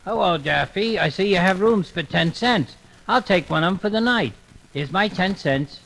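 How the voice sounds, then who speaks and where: A man's voice: sits high, lively intonation, normal speed, creaky, fairly bright tone, full character voice, low-quality recording. A man playing a fussy, gullible cartoon hotel guest who keeps complaining, in a vintage cartoon radio performance.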